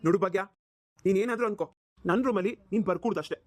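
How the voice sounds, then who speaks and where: A woman's voice: mid-range voice, racing, darkish tone, no room sound, close to an everyday voice. A woman voicing a flustered young husband in a cartoon, pleading and exasperated. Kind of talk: cartoon voice acting.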